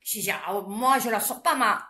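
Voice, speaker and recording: A woman vlogger telling stories in an animated, slangy rant, with loud outbursts and laughs. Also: a little high, normal speed. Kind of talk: casual ranting monologue. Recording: roomy echo.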